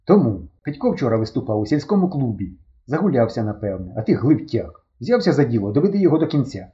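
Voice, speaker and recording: Blunt scornful kid friend, read by a man, dark voice, lo-fi audiobook sound. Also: mid-range voice, big pitch swings, fast talker, close to an everyday voice. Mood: lecturing. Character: grumpy sharp-tongued boy, the narrator's friend.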